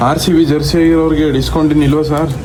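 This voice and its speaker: A man's voice: a little high, flat delivery, fast talker, background noise. A young man with a Karnataka Kannada accent, chatting casually to his viewers in a vlog, teasing and talkative. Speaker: vlogger.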